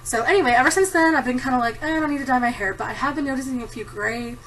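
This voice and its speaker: Racing along in a high-pitched, somewhat bright voice, a woman in her thirties answers a tag for her vlog, giggling often and rambling with many ums. She's at a desktop computer in her home, far from its camera mic. The rough recording picks up slight background noise.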